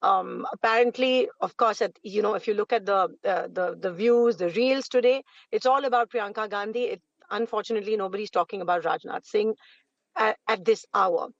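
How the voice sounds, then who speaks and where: A woman's voice: mid-range voice, moderate pace, creaky, no echo. Indian woman politician on dull, muffled audio. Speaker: opposition party politician, panellist. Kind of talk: political argument on a TV debate.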